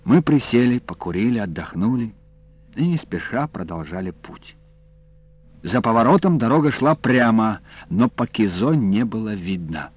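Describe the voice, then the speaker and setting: Low-voiced man narrating a story. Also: lively intonation, normal speed, breathy edge. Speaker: audiobook narrator. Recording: dull, dry lo-fi audiobook recording.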